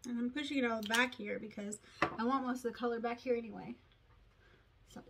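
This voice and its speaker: A woman's voice: a little high, steady tone, fairly quick, gravelly, very noisy. A woman chatting casually through a makeup tutorial, rambling and poking fun at herself as she goes. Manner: rambling, self-deprecating, talks to herself. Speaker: beauty vlogger.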